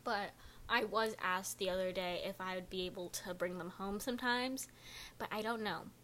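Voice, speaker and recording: A woman's voice: medium pitch, fairly even intonation, normal speed, fairly bright tone, slight background noise. A teenage girl co-hosting a casual podcast chat, joking, giggling and trailing off mid-sentence. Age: teens. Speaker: podcast co-host.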